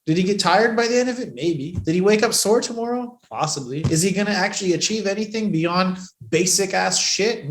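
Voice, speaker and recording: A man coaching a live training session, profane and emphatic, pushing his voice loud and then dropping it low for effect. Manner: profane, emphatic, shifts between loud and hushed. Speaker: business coach. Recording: echoey room.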